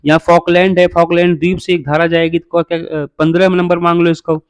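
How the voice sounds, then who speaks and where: A man's voice: a little high, level tone, a little fast, clear, resonant tone, no room sound. A man teaching a geography lesson over a map, quizzing his listeners and answering himself, repeating each name by number and calling listeners brother. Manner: repetitive, drills names by number.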